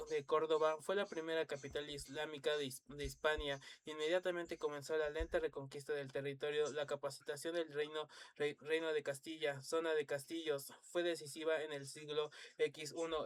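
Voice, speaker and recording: A man reading an encyclopedia lesson aloud, stumbling and restarting words, with dry asides. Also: on the high side. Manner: halting, stumbles and restarts words, spells out letters, drops asides. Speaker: reader of an encyclopedia.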